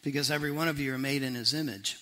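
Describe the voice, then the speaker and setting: A middle-aged man, preaching a sermon to a congregation in a lively, conversational way with quick asides and sudden slow emphasis. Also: mid-range voice.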